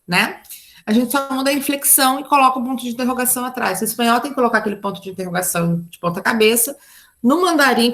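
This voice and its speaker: Brazilian lady teaching english online, gravelly voice, keeps checking in w the class. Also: fairly high pitch, a bit bright. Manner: patient, repeats with "né?" and "tá?".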